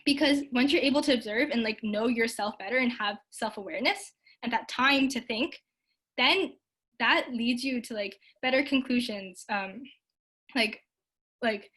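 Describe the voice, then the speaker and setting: Young woman, from Canada, slightly high voice, casual online talk, upbeat, lots of likes and ums. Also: moderate pace, fairly bright tone, breathy edge. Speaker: speaker answering audience questions.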